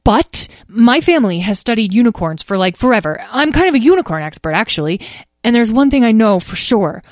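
A woman reading a storybook, voicing an earnest young boy who rushes to reassure everyone. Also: a little high, big pitch swings, no echo, studio quality, voice pushed up. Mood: sheepish. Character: eager young boy, unicorn-loving.

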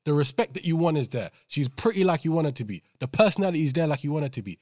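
A man's voice: fairly high pitch, lively intonation, rapid-fire, darkish tone, dry recording, clean studio sound. A young man with an urban London accent, arguing his case casually among friends, repeating himself and checking that they follow. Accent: London, urban slang.

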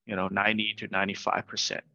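Over dull, lo-fi video-call audio, a middle-aged man from Vietnam who founded a startup talks earnestly as an interview guest, frequently adding "right?". He has a fairly low, sharp-toned voice and speaks quickly with flat delivery in this remote interview.

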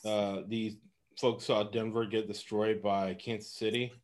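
A man from Los Angeles talks through his sports betting picks in a loose, rambling way, often breaking into laughter. His voice sits a little low. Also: flat delivery, measured pace, darkish tone. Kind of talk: casual sports betting talk.

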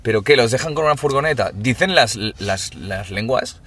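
A man's voice: medium pitch, lively intonation, moderate pace, a bit bright, husky. A young man, chatting casually and rambling on his show, dropping slang throughout. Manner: rambling, slangy, says "tío" constantly. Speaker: podcast co-host. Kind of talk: casual chat.

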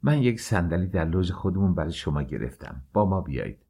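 A man's voice: sits low, sing-song, vocal fry, mellow, breathy edge, heavily acted. A man reading as a sociable forty-year-old actress. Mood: chatty.

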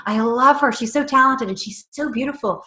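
A woman's voice: high voice, a little fast, pushed and bright. A woman guest on a podcast, chatting casually and animatedly about a book she wrote, laughing often. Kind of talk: casual chat. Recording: roomy echo.

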